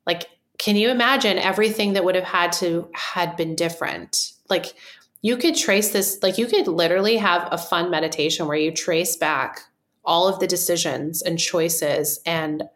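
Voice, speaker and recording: A woman with a somewhat low voice chats casually and encourages her guest. She talks about finding meaning in hard times and leans on "like" as she goes. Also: moderate pace, a bit bright. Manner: encouraging, spiritual, many fillers. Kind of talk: casual chat.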